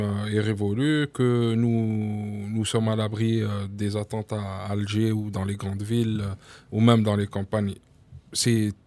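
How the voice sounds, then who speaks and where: Low-voiced man on a radio panel. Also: darkish tone, no echo. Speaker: radio debate guest.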